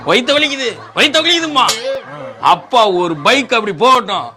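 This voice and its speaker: A man's voice: extremely high pitch, very animated, normal speed, crowd noise. An actor playing a sly man who mocks a lazy young fellow in a film comedy, teasing and mimicking him. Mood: mocking. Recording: film clip with loud music.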